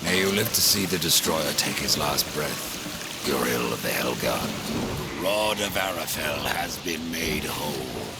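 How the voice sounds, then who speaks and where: Death, a grim gravelly-deep horseman. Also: lively intonation, heavy background noise, full character voice. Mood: solemn resolve. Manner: grave, measured, dry. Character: Death, grim pale horseman, ancient and sardonic. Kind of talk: video game cinematic acting.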